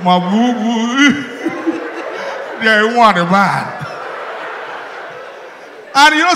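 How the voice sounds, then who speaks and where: Nigerian Igbo comedian on an echoey stage. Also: male voice, high voice. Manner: animated, switches to mocking voices for characters. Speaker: stand-up comedian. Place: live stage with audience in a hall. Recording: echoey hall, audience noise. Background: audience laughter.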